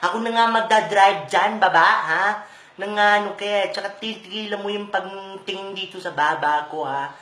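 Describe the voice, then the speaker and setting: A performer voicing a gruff, threatening tough man. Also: mid-range voice, normal speed, pauses often, a bit bright, roomy sound, close to an everyday voice. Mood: menacing.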